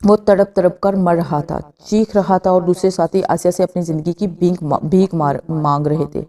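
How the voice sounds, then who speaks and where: A woman's voice: on the low side, fairly even intonation, warm tone. Woman reading a horror story aloud.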